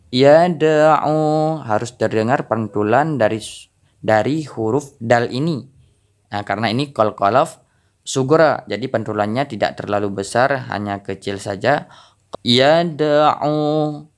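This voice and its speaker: A man teaching Quran reading, explaining slowly and reciting each example word in a drawn-out voice. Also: on the low side. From Indonesia or Malaysia.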